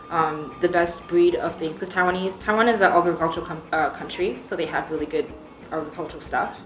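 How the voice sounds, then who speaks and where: A woman's voice: lowish voice, fairly bright tone, slight background noise. A young woman from Singapore with an American accent, a baker answering interview questions in a chatty way with lots of ums. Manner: chatty, laughs easily, many ums. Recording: echoey room with music behind.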